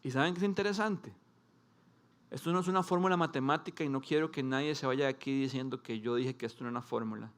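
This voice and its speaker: A man preaching a sermon to a congregation, speaking in short emphatic phrases with dramatic pauses and at times rising into animated storytelling. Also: mid-range voice. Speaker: pastor. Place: church service before a congregation.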